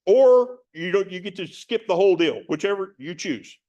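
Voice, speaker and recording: A man's voice: high-pitched, lively intonation, moderate pace, dark tone, highs cut off. A man teaching a Bible passage verse by verse, reading it from several translations and musing on it in a conversational way.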